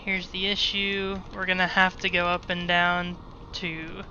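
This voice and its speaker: A gaming video host, a woman, gives live gameplay commentary and explains each command and move as it happens. Her lowish voice stays monotone at a measured pace, with a sharp tone and a slight hiss or hum. The audio is muffled and narrow-band, with game music and engine sounds behind her.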